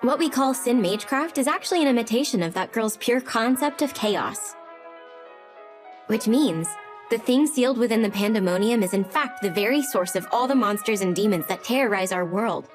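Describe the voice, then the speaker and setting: A brash, tough young woman fighter, voiced by a woman in an anime dub, blunt and mocking, her fairly high voice leaping around a lot. Music plays clearly behind her. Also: lively intonation, moderate pace, natural voice. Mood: scornful. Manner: blunt, sarcastic and rough-talking. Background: background music.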